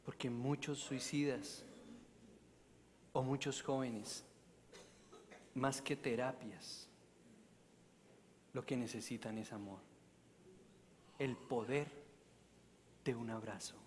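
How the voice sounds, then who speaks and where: A man giving a storytelling talk at a parish Lenten mission. He is animated and swings from loud to hushed. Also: medium pitch, slow pace, long pauses. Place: church. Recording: long church reverb, faint noise.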